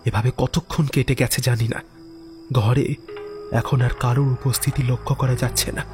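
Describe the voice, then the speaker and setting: Over background music, a man with a medium-pitched voice tells a first-person horror tale at normal speed. His delivery is theatrical and expressive, dotted with musing asides and exclamations.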